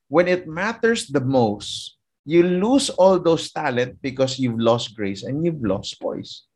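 A man's voice: mid-range voice, husky. A man with a Filipino accent preaching a motivational sermon, repeating phrases and asking rhetorical questions. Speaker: pastor.

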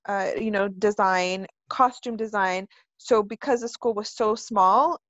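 A woman's voice: medium pitch, no room sound. Chatty woman in her twenties, dull dry sound. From California. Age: 20s. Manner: chatty and earnest, long flowing answers. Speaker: guest actress. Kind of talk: casual interview answers.

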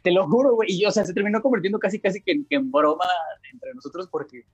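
A man's voice: sits high, fast, slightly rough, highs cut off. A young man with a Mexican accent, co-hosting a casual podcast, rambling through self-mocking stories in slang. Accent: Mexican Spanish. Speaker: podcast co-host. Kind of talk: casual chat.

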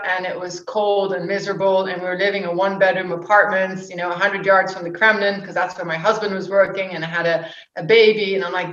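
A woman's voice: mid-range voice, a bit bright. A woman in her forties, born in the UK, chatting as an interview guest in a rambling way with restarts. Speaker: guest, social entrepreneur and investor. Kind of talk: casual interview talk. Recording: roomy, dull remote audio.

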